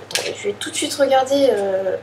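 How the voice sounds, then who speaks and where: Woman opening cards slowly, lots of euh and sorry, sounds far off in an echoey room with faint background hum. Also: sits high. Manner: hesitant, apologetic, many fillers. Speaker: card pack opener. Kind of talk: casual unboxing commentary.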